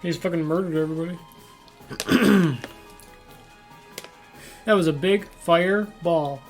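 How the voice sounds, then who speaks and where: A woman's voice: on the low side, a little slow, faint music behind. A woman co-streamer making dry, swearing comments while watching a game.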